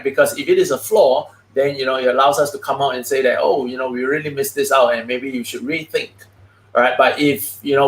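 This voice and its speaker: A man hosting a live investing stream, chatty and quick, filling his talk with "okay" and "all right". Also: medium pitch, vocal fry, a bit bright. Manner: chatty, many "okay, all right" fillers, fast talking. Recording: roomy echo.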